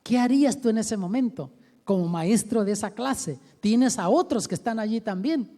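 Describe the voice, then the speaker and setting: A male pastor teaching a seminar, full of questions for his listeners and lively in delivery. His voice is mellow and dark, and a long hall reverb trails every phrase. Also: high voice, moderate pace. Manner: animated, acts out quoted voices, asks the audience questions.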